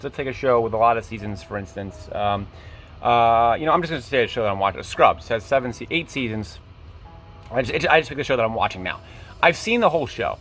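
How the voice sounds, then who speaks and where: Mid-range and fairly bright, this man's voice carries a little hiss or hum in the background. At twenty-eight, he hosts his own YouTube vlog, chatting casually, running himself down, and wandering off on tangents.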